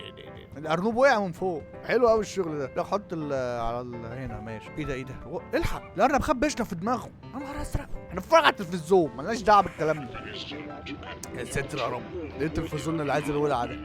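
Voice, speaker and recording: A man with an Egyptian Arabic accent giving jokey, excitable commentary on a horror game, yelping when startled. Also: a little high, very fast. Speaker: gaming YouTuber. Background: game music.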